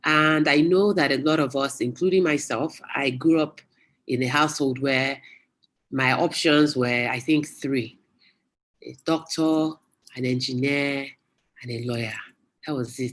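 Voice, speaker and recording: A guest speaker giving a casual, chatty motivational talk to young people over a video call, telling stories with lively exclamations. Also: mid-range voice. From United States. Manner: chatty, animated storyteller with local exclamations. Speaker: guest speaker at youth webinar.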